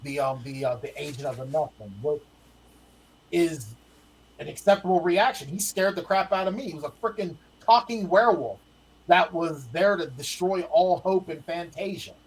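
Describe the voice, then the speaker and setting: A middle-aged man telling family stories in a casual, animated way, acting out the quotes. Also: a little high, normal speed, breathy edge, rough recording. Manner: animated storyteller, acts out quotes. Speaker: guest, the host's father.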